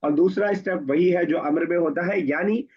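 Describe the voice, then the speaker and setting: A man's voice: on the high side, moderate pace, husky. A man teaching an Arabic grammar class, patiently explaining and quizzing his students. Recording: dull lo-fi recording.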